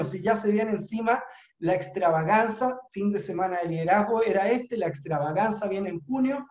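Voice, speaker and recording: A middle-aged man with a Chilean accent, a business trainer telling a motivational story in an earnest, unhurried way with frequent fillers, on a video call from a room at home. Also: high-pitched, darkish tone. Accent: Chilean Spanish. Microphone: webcam on video call. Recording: roomy, dull webcam audio.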